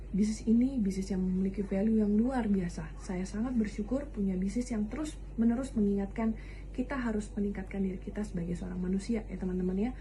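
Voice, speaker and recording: A woman in her thirties talks through an upbeat recruiting pitch, counting off reasons with energy. Her voice is very dark and mellow. There is a faint hiss behind her. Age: 30s. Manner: enthusiastic, listing reasons with "nah". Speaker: insurance agent giving a testimonial.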